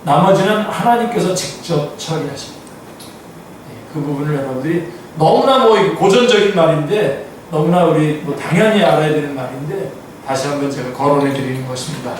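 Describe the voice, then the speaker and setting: A pastor reading and explaining scripture at an afternoon Bible study frequently questions his congregation in the church sanctuary. He speaks briskly with a highish voice, and the far-off mic picks up the echoing hall plus a faint hiss or hum.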